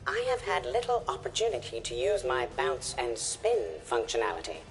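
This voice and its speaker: A woman's voice: extremely low pitch, big pitch swings, normal speed, soft background music, poor audio. A woman playing a polite, obliging service drone in a video game, formal and deferential.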